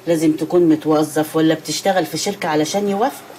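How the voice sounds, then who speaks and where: An actress playing a firm, practical Egyptian aunt in a TV drama, with an Egyptian Arabic accent. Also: female voice, low voice, steady tone, racing, mellow, slight background noise, natural voice.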